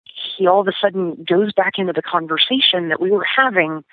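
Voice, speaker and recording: A woman with a fairly low pitch talks briskly as a guest, recounting something from her own life in a loose, casual way marked by fillers and restarts. The recording is a dry, tinny phone line without echo.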